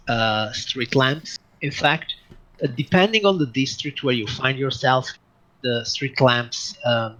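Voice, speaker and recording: A man narrating a tabletop game as dungeon master, with many pauses and fillers. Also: mid-range voice, fairly bright tone, lo-fi sound. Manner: hesitant, many fillers, slow in places.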